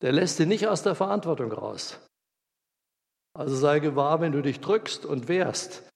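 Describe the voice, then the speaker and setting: A man preaching a sermon in a lively, colloquial way, acting out the scenes he tells. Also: fairly high pitch, measured pace, gravelly. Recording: reverberant hall.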